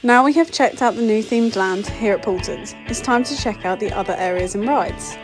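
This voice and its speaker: A woman's voice: medium pitch, normal speed, rough recording. A woman co-hosting a theme park vlog, presenting casually to viewers. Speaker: vlog co-host. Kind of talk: vlog narration and casual chat. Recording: music and loud crowd behind. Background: music, busy crowd.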